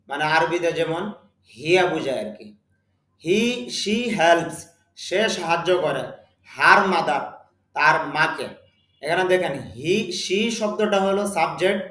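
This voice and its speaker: In a room with an open, spacious sound, a man with a Bengali accent teaches spoken English. His voice sits on the high side with a fairly bright tone, and he goes slowly and deliberately, saying words again for the class.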